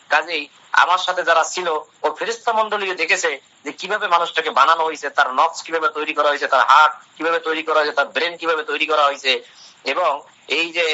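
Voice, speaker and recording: Pitched on the high side, this man's voice comes across bright and forceful. He is an Islamic lecturer explaining Quran verses, rendering the Arabic piece by piece and raising questions only to answer them himself, captured in dull lo-fi audio.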